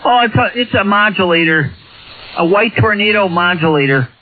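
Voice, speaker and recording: Chatting casually over CB radio, a plainspoken operator comes through a thin, band-limited transmission that makes the audio narrow and tinny. His voice sits high, expressive, at normal speed.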